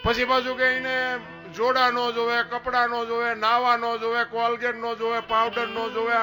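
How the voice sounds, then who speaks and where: Male folk storyteller, high and rustic, teases the crowd, music behind. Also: normal speed. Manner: rustic, lively, teasing storyteller who asks the crowd questions. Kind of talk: humorous folk talk to an audience.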